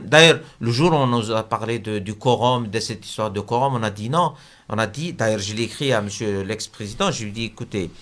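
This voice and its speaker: A man from Algeria, speaking as a guest in a debate interview. He talks haltingly, with many fillers and restarts. His voice sits at an everyday pitch for a man. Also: fairly bright tone. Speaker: business leader guest.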